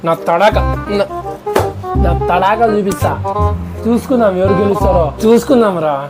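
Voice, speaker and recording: A man's voice: sits high, normal speed, over loud music, close to an everyday voice. A man doing a cocky schoolboy. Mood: boastful. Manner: boastful, teasing. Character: cocky schoolboy boasting about cricket.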